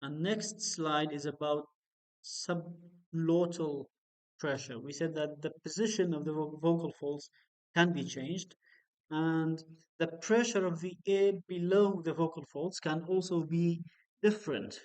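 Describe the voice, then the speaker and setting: A male university lecturer, a native Kurdish speaker, explaining phonetics slowly with frequent fillers. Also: fairly high pitch, fairly even intonation, a little mellow, low-quality recording.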